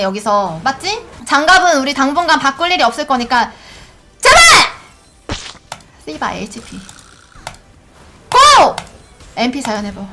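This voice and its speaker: A woman streaming a game, giving live gameplay commentary in an excitable way, pleading and groaning at each roll. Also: high voice, a little hiss or hum.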